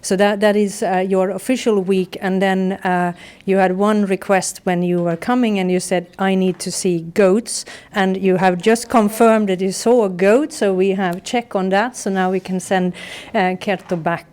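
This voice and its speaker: A woman's voice: mid-range voice, steady tone, normal speed, few pauses, a little mellow, smooth. A woman organizing an event, giving friendly, rambling welcome remarks with many fillers.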